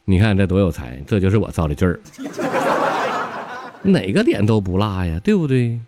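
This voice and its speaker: A low-voiced man telling jokes in a broad Northeastern Mandarin accent, his pitch swinging wide as he mimics the people in his stories. He chuckles at his own punchlines and keeps an easy comic storyteller's rhythm. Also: normal speed, loud music behind the voice. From Northeast China. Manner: lively, laughing at his own jokes, jumps pitch for quoted characters. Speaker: comedy show host.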